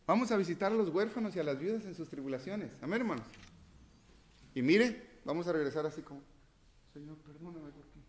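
A man's voice: fairly high pitch, lively intonation, quick pace. A male pastor preaching a sermon, firing rhetorical questions and swinging between raised emphasis and near-whispered asides.

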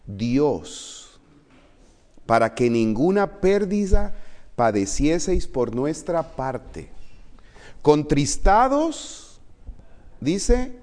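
A man preaching a sermon as pastor, asking the congregation question after question and shifting between loud emphasis and quiet, close talk. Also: sits high, in a large hall.

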